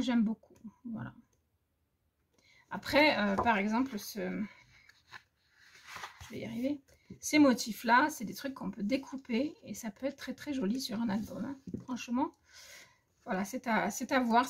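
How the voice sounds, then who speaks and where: Woman, gravelly husky voice, casual haul chatter full of hesitations, recorded on a phone. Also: on the high side. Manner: hesitant, many fillers and restarts. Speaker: crafting vlogger.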